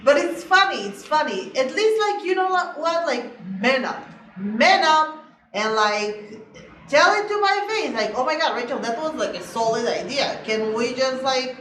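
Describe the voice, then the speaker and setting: A woman realtor chatting casually and animatedly to the camera, full of "like" fillers, on low-quality sound because the mic died. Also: lively intonation, unhurried, a bit bright, slight background noise. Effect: low-quality sound after the mic died. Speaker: realtor, co-host of a couple's channel. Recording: distant, echoey room sound.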